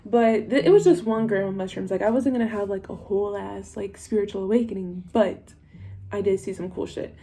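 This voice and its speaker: A woman's voice: mid-range voice, fairly even intonation, a little fast, warm tone. A young woman talking casually to camera in a stoned, rambling stoner manner, informal and sweary as she chats through getting ready. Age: young adult. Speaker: vlogger. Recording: music playing behind the voice. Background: music.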